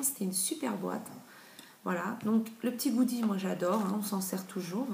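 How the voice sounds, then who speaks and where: A beauty vlogger in her thirties, with a middle-pitched voice and vocal fry, chats casually through a product review, often pausing on fillers. She records at home on a camera mic in an echoey room, with faint noise in the background.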